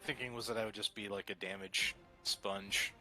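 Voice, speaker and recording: A man's voice: fairly low pitch, fairly even intonation, normal speed, sharp tone, faint music behind, poor audio. A man playing a tabletop game over a voice call, joking and easygoing. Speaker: player. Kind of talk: casual chat over voice call.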